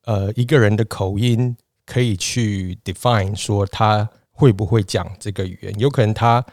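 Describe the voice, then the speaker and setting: Man, forties, low voice, dry close sound, chatty guest, laughs easily. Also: no echo. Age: 40s. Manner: relaxed, chatty, laughs often, halting restarts. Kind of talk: casual chat.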